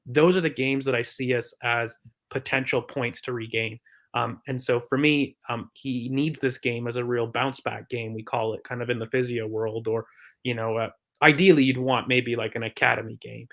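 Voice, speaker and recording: A man chats about football on a podcast at an ordinary, mid-range pitch. He thinks aloud with plenty of "um"s and restarts, breaking things down like a physio would. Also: steady tone, moderate pace, a bit bright. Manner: thoughtful, filler-heavy, explains from a physio view. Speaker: podcast co-host. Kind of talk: casual football chat.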